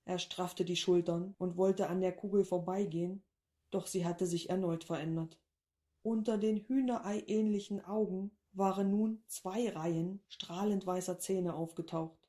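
Mellow-voiced woman reading a story. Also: fairly low pitch, steady tone, unhurried. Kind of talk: scripted narration of a short story.

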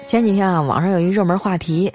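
A woman telling funny family stories in a lively, teasing, chatty manner. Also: fairly low pitch, fast talker, soft background music. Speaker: storyteller. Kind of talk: comedic storytelling.

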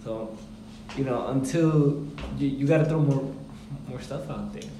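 A man's voice: mid-range voice, measured pace, dark tone. A man as a podcast guest, chatting casually in blunt, slangy language, his voice carrying big room echo. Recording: echoey reverberant room, faint background noise.

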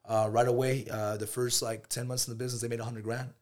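A man in his thirties, a podcast guest, telling his story in a casual, animated way, full of slang and "bro". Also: mid-range voice, fast.

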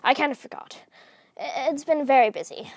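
A woman's voice: sits high, fairly quick, no room sound. A woman voicing a flustered dragon mother who stammers and hesitates.

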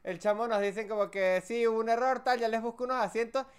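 A man with a Venezuelan Spanish accent, co-hosting a podcast in casual chat, telling stories with lively acted-out quotes. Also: extremely high pitch, quick pace, clean tone. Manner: animated storytelling, acts out quotes. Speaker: podcast co-host.

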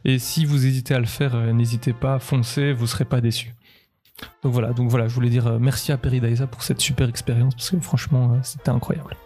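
A man's voice: medium pitch, level tone, fast talker, warm tone, faint music behind. Chatty man hosting a podcast. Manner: chatty and enthusiastic, full of hesitations. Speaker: podcast host. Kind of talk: casual podcast chat.

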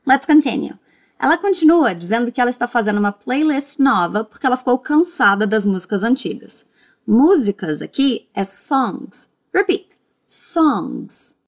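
A Brazilian woman teaching English in a podcast lesson, her fairly high voice swinging up and down with a lot of expression. She speaks at an unhurried pace and splits each phrase into single words, saying them with clear, careful pronunciation for the listener to repeat. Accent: Brazilian Portuguese. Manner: slow, clearly enunciated drilling that breaks phrases into single words. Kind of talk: podcast language lesson with repeat-after-me drills.

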